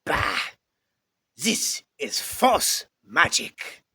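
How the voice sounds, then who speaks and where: A blunt, grumpy male puppet at a talent show. His voice is extremely rough and swings wildly in pitch. He is slow and dismissive, in curt outbursts. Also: wildly swooping pitch, sharp tone, exaggerated voice.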